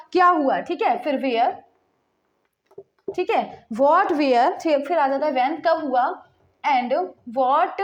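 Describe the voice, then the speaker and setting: A woman's voice: high-pitched, dull audio. A young woman teacher giving a casual online lesson, mixing Hindi and English, repeating points and checking in with students often. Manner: repetitive, checks in with "theek hai" constantly; mixes Hindi and English mid-sentence.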